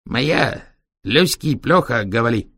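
A stern, self-important boss speaking slow, broken sentences with a Chinese accent, as a man reading a story puts him on. His voice sits a little above the reader's own. The sound is dry and close. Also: mid-range voice, lively intonation, bright, forceful tone, breathy edge, no room sound, voice pushed up, heavily acted.

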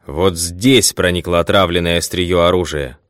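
A man reading the lines of a calm, methodical male detective in a storybook tale, with a measured, confident manner. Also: deep voice, no room sound, studio quality. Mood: assured.

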